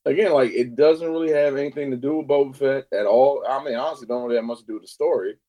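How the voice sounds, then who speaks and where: An excited man co-hosting a casual podcast chat. He talks in an animated way at a medium pitch and swears now and then. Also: quick pace, low-quality recording. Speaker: podcast co-host.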